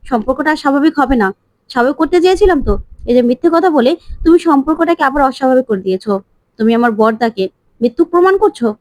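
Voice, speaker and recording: A woman voicing an angry young husband who scolds indignantly, quoted in a quick retelling of a TV serial. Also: high voice, animated, darkish tone, no room sound. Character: angry young husband defending his brother.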